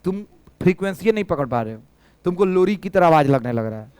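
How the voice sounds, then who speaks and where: Bihari-accented male physics teacher, slightly hoarse, prods and teases his class, crisp and dry. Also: sits high, expressive, quick pace, darkish tone, dry recording. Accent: Bihari Hindi. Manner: teasing, coaxing students to answer. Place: classroom with students.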